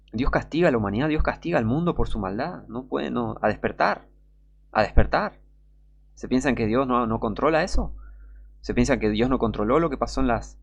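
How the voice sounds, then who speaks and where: A man's voice: mid-range voice, gravelly. A man with a Rioplatense Spanish accent preaching a sermon in an emphatic way, with many rhetorical questions and frequent checks that listeners understand.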